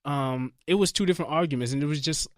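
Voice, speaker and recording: A man's voice: on the high side, fast talker, no room sound, clean studio sound. A man co-hosting a podcast in casual chat, easygoing and rambling, often restarting his sentences. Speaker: podcast co-host. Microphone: studio mic with headphones.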